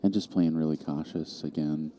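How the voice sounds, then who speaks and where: A man giving calm, analytical live commentary on a pool match, calling each shot. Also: rumbling low, normal speed, slight background noise.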